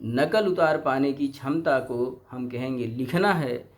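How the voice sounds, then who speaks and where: A middle-aged man giving an explanatory lecture as a teacher educator, deliberate and posing rhetorical questions to his listeners. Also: mid-range voice.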